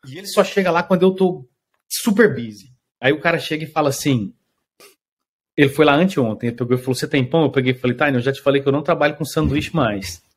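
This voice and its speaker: A man from Brazil, a food truck chef, talks very quickly in an easygoing interview. His voice sits a little high for a man. He tells his stories with gusto, acting out customers and checking in with "you get it?". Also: husky. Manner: lively storyteller, acts out customers, keeps asking "entendeu?". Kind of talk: casual interview chat.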